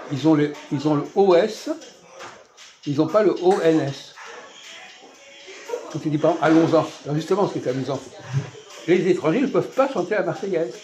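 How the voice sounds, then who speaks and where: A man hosting a casual, teacherly chat in a fast-food restaurant, quizzing his guest with repeated questions and sudden bursts of emphasis. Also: fairly high pitch, a little mellow.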